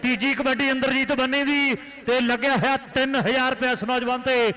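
A man commentates a rural kabaddi match in a frantic style with an Indian Punjab accent. His voice is pitched extremely high and cuts through brightly, and he fires off repeated names and phrases in excited bursts. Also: a little fast. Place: live commentary at a village kabaddi tournament ground.

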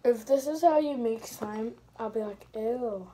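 A fairly high-voiced young female vlogger rambles to her viewers from her bedroom, tossing in little apologies as she goes. Crinkling and clicking sounds sit clearly behind her voice. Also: moderate pace, warm tone, slight background noise. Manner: rambling, chatty, apologetic asides. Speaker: slime vlogger. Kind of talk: casual vlog chat to viewers.

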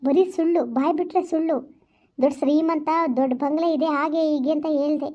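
A woman's voice: steady tone, highs cut off, natural voice. A woman playing Kavya, a jealous scorned lover. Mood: reproachful. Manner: reproachful, quick and high-pitched. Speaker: amateur skit actor. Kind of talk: village vlog skit acting.

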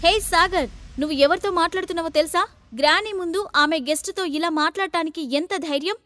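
A woman voicing a spoiled, hot-headed young man who shouts insults. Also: very high voice, fairly quick, no room sound. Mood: angry.

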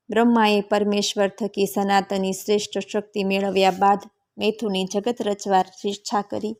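Female narrator, flat measured delivery, mid-pitched, scripture storytelling. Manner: even, measured reading.

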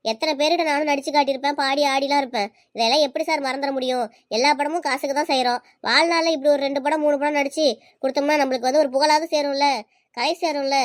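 A woman's voice: sits high, dry recording, clean studio sound, close to an everyday voice. A woman playing a young star actress who pleads respectfully and earnestly in a web drama. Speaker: actress character.

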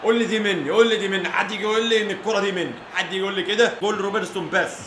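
A young man with an Egyptian accent, commentating his own football video game match and shouting and pleading at the play. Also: high voice, steady tone, very fast, noisy background. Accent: Egyptian Arabic. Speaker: gaming YouTuber. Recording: echoey room with game music.

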